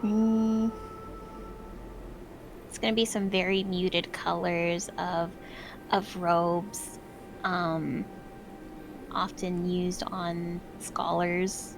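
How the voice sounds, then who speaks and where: A woman's voice: fairly low pitch, little pitch movement, extremely slow, gravelly, long pauses. A woman playing a tabletop game, chatting casually and hesitantly as she thinks aloud. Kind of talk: casual improvised game chat. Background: music.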